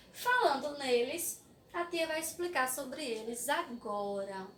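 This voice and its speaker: A young woman with a Brazilian Portuguese accent teaching a recorded class for young children, slow and clear with a sing-song way of stretching words. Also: high-pitched, fairly bright tone, recorded from a distance, a little hiss or hum. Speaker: primary school teacher. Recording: echoey room, voice off-mic.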